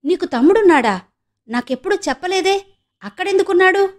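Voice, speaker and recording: A woman's voice: high-pitched, brisk, pitched above the performer's own voice, lightly acted. A woman voicing a blunt young man who scolds and fires questions at a friend in an audiobook. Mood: scolding.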